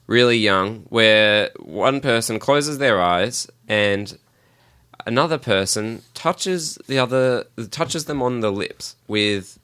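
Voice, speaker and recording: A man's voice: lowish voice, expressive, slow, sharp tone, clean tone. A man co-hosting a podcast, explaining a party game's rules in casual, giggly banter. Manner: explaining rules, laughing often. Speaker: podcast co-host running a game.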